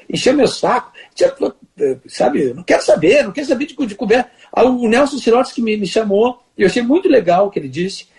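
A man's voice: high voice, a little mellow, slightly rough. An older man, telling stories in an interview with many restarts and fillers. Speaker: guest. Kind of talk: conversational storytelling interview.

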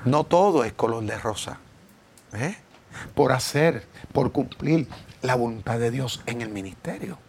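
A middle-aged man preaching a sermon, telling his own story earnestly, with emphatic peaks and hushed asides. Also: mid-range voice, expressive, unhurried, slight background noise. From Puerto Rico. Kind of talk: sermon with personal testimony.

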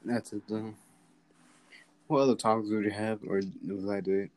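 A man's voice: fairly low pitch, steady tone, moderate pace, darkish tone, rough recording. A young man co-hosting a casual podcast chat, stammering and swearing as he talks. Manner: stammering, swears, laughs often. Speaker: podcast co-host.

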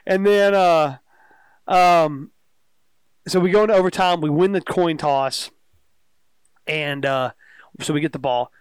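A young man talks sports with friends in a loose, joking, rambling way. His voice sits a bit high for a man and sounds smooth and clean. The room is dry and close, with no echo. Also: measured pace, long pauses. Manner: laid-back, jokey, rambling storyteller. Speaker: podcast co-host. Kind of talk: casual sports chat.

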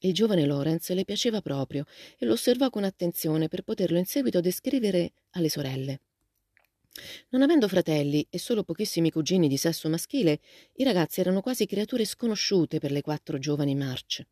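A woman narrating a classic novel aloud in a steady, even storytelling manner. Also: lowish voice, fairly quick, dry recording, studio quality. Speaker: audiobook narrator. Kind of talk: scripted narration.

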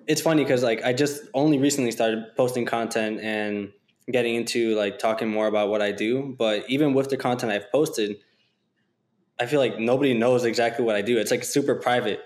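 A man's voice: medium pitch, brisk. A man hosts a casual podcast interview in a plain mid-range voice. He speaks earnestly and reflectively, sprinkling in "like" as he talks. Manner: earnest, reflective, uses "like" often. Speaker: podcast host.

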